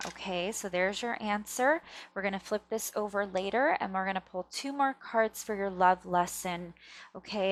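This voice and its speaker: Hosting a relaxed pick-a-card video, a tarot reader talks to her viewers and often checks in with them, her articulation slightly thick-tongued and stumbling. Her mid-range voice comes with a little hiss or hum.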